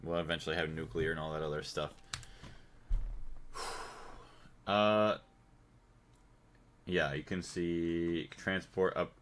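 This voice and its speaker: A man's voice: low voice, steady tone, slow pace, long pauses, a bit bright, a little hiss or hum. A man from the United States chatting casually on a gaming livestream, thinking aloud and thanking his chat. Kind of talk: casual live-stream chat while playing.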